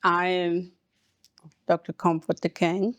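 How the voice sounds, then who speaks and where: A woman from Cameroon, a hematologist oncologist, giving slow, measured explanations with pauses in a podcast interview. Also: fairly low pitch, level tone, no room sound.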